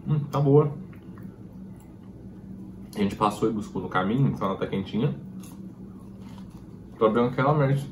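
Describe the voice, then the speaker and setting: Brazilian man, lowish voice, talking while chewing, casual food-review chat over clear background noise. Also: animated, moderate pace, pauses often. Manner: chatty, addresses viewers directly.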